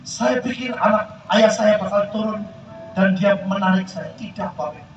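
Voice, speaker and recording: A man's voice: high-pitched, normal speed, highs cut off, faint music behind. An older man giving a dramatic testimony sermon, telling his story straight to the crowd at an outdoor field event. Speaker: preacher. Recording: echoey PA sound from far off.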